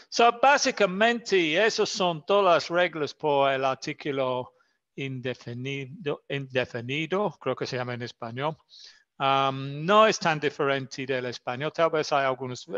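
Slow-talking man teaching English. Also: medium pitch, a bit bright. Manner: slow, careful, repeats examples for the student. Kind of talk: bilingual English lesson. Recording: slightly dull lo-fi sound.

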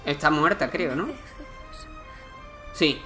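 Guy commenting on a game, chatty and jokey, game music loud behind him. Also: a little high, slow. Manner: chatty, joking, exclaims at the game. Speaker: gameplay commentator. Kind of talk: casual let's-play commentary.

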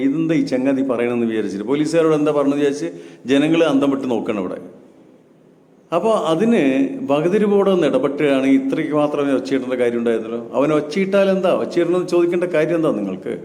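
A man gives spoken commentary in a lecturing tone, firing off one rhetorical question after another. His voice is mellow and dark, at an ordinary pitch for a man. The room is echoey, with a long reverb trailing behind him. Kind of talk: reaction commentary. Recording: roomy echo with long reverb.

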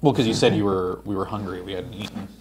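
A man's voice: low voice, steady tone, quick pace, a little mellow. A man guesting on a live podcast in a hotel room, rambling in a laid-back, mumbly way in casual banter.

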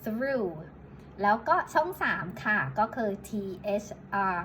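A woman giving a patient, slow pronunciation lesson, demonstrating English words. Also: mid-range voice, lively intonation, a bit bright, slight background noise, poor audio. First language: Thai. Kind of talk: casual spoken lesson.

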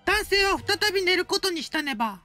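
A woman's voice: very high voice, animated, a little fast, bright, forceful tone, heavily acted. A woman voicing a cheerful cutesy mascot who narrates short stories and tacks a cute verbal tic onto every sentence. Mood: upbeat. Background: light background music.

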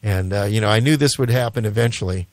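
A man's voice: fairly low pitch, fast. A man from the United States hosting a radio interview, asking rambling, chatty questions. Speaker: radio host.

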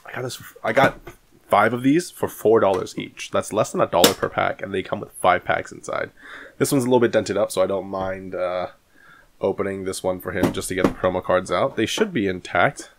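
Deep-voiced and brisk, this thirtysomething host of a card collecting channel chats casually through a vlog and pack opening, with plenty of fillers and restarts. He records in a small home room on a studio mic on an arm before him, with background noise audible.

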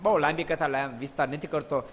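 Casting: male preacher, fairly high voice, lively storytelling, hall reverb. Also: fast talker, background noise. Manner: lively, questions the audience, playful asides. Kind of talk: devotional storytelling sermon.

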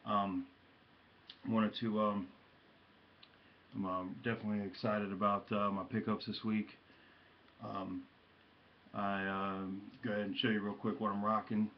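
A man casually showing off his hat and jersey pickups from his room at home, talking haltingly with lots of ums and uhs and slangy shout-outs, and he has the hiccups. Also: on the low side, little pitch movement, lo-fi sound, a little hiss or hum. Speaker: hat and jersey collector vlogger. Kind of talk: casual show-and-tell vlog.

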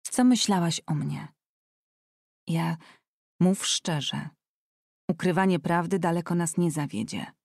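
A woman reading an audiobook voices a kind, frank young man who speaks calmly and persuasively. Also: on the low side, slow pace, vocal fry, pauses often, no echo, studio quality, full character voice. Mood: earnest.

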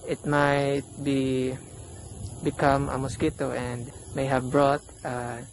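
A man's voice: medium pitch, flat delivery, takes it slowly. A young man talking casually to his vlog audience through a face mask, slightly muffled. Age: young adult. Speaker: vlog host. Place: outdoors in a grassy palm grove. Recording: clear outdoor background noise.

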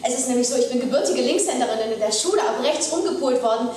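A woman's voice: high-pitched, lively intonation, quick pace, a little mellow. A woman acting a chatty, apologetic email writer in a stage monologue. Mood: apologetic, explaining. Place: theater rehearsal stage. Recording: echoey stage, distant mic.

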